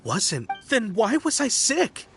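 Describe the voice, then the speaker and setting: A woman's voice: fairly high pitch, wildly swooping pitch, slow, heavily acted. A woman voicing an anxious, earnest client in a video game, speaking hesitantly. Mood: flustered. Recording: music behind the voice.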